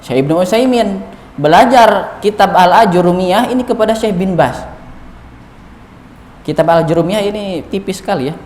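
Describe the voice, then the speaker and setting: A man's voice: high voice, moderate pace, darkish tone. Male preacher, chatty lecture with fillers; distant echoey hall sound, faint hiss. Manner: conversational, frequent "gitu, ya" fillers. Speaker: Islamic preacher. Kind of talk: mosque study lecture. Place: mosque hall.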